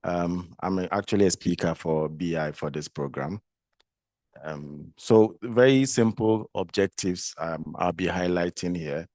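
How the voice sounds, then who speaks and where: A Ghanaian man with a deep voice made groggy by flu presents formally at a medical conference. He speaks in a measured, hesitant way as a specialist. The sound is dry, with little room echo. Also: darkish tone. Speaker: guest speaker, specialist physician and nephrologist.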